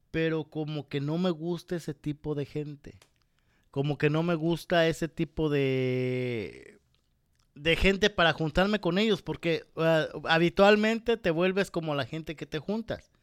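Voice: mid-range voice, clear, resonant tone, no room sound, studio quality. A radio co-host in casual chat who asks questions and backs the other host up with short interjections.

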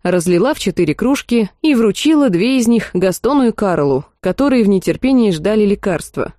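A woman narrating a first-person fantasy audiobook in a lively, wry storytelling manner. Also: mid-range voice, fairly quick, dry recording, studio quality.

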